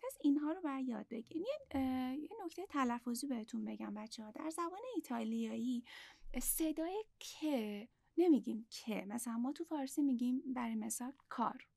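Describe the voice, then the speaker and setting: A woman teaching a language lesson, explaining patiently step by step and repeating words slowly. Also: high-pitched, expressive, creaky, dark tone, dry recording, clean studio sound.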